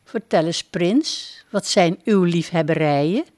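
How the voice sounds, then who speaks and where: A woman reading a storybook aloud and voicing a young princess with a high, eager, playful voice. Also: a little slow, darkish tone, no room sound, natural voice. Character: young girlish princess, lively and bold.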